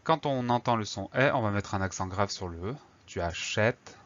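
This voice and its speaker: A man teaching a spelling lesson, slowly spelling out words letter by letter. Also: on the low side, expressive, a bit bright, dull audio.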